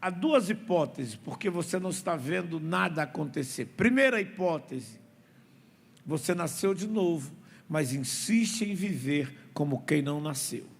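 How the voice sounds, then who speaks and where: A man's voice: fairly high pitch, a little slow, gravelly, husky. A man preaching a sermon as pastor, telling stories and calling for responses from the congregation. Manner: animated storytelling with call-and-response. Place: church. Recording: echoey hall with faint noise.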